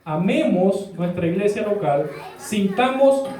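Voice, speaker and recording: A man's voice: sits high, expressive, unhurried, warm tone. A man with a Chilean accent teaching a Sunday Bible class, telling a humorous parable in a folksy, exhorting way in a church hall. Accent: Chilean Spanish. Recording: echoey church room, distant mic.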